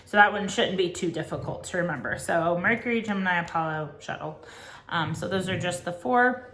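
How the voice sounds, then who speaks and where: A woman's voice: on the low side, lively intonation, brisk, a bit bright. A woman tutor giving casual teaching tips at home, chatty and rambling with many ums and self-corrections. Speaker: homeschool co-op tutor. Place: at home, child nearby. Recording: echoey room.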